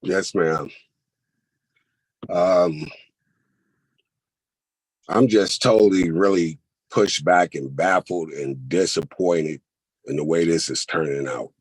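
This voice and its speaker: A man's voice: sits low, slow, long pauses, slightly rough, dry recording, poor audio. A man giving an emotional victim impact statement to a court over a video call, heated, emphatic and repeating himself.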